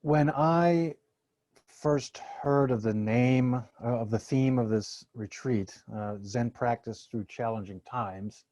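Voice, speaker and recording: A man speaks slowly and thoughtfully to an audience in an informal online dharma talk. His voice is relaxed and mellow, captured close and dry, and he often pauses as he searches for the next phrase. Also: mid-range voice, no echo. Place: online meeting from the San Francisco Bay Area.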